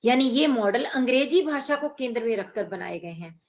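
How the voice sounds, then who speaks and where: A woman giving a measured academic lecture at an online workshop, explaining step by step with small hesitations. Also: on the high side, animated. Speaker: guest speaker at an online workshop. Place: online workshop, video call.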